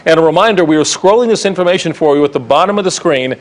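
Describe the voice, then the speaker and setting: A man's voice: a little high, expressive, racing. An American man anchoring a TV newscast, reading scripted news.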